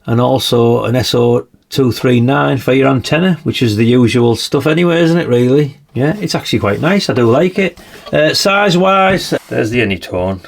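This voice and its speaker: A man with a slightly croaky voice, chatting casually through a radio review and tossing in tag questions. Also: medium pitch, expressive, moderate pace. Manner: chatty, adds tag questions like "isn't it, really?". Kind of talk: casual product demonstration.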